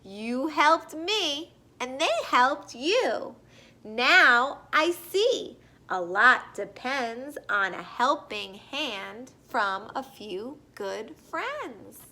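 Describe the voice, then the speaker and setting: A big, boastful male dump truck from a children's storybook, put on by a woman reading aloud. He talks loud and self-important, in a fairly high voice with a bright edge. The tone swings widely as he speaks. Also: sing-song, extremely slow, heavily acted. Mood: grateful. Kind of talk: children's picture book read-aloud.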